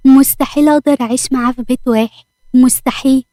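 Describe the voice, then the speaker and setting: A woman's voice: high-pitched, steady tone, fast, warm tone, no echo, clean studio sound, natural voice. A woman with an Egyptian accent voicing a fiery, stubborn young woman who speaks indignantly and sharply.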